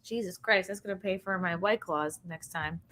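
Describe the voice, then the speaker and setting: A woman's voice: on the low side, normal speed, fairly bright tone. A woman hosting a livestream in casual chat, talking bluntly and conversationally with plenty of swearing. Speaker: livestream host.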